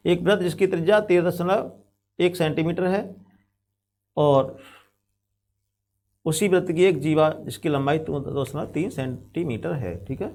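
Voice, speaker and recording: A man with a high-pitched voice teaches a classroom geometry lesson. He explains each construction step by step and repeats key phrases for his students. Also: darkish tone. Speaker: math teacher.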